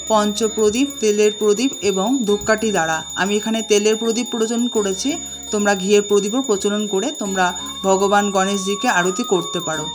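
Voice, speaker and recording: A woman giving calm, methodical step-by-step instructions for a home worship ritual and chanting mantras slowly. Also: medium pitch.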